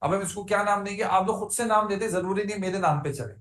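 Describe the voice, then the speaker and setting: Male teacher a high voice and tinged speech, drills a class repeated questions; roomy sound. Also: quick pace, a bit bright. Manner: asks students repeated questions, chants word forms. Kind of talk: classroom grammar lesson.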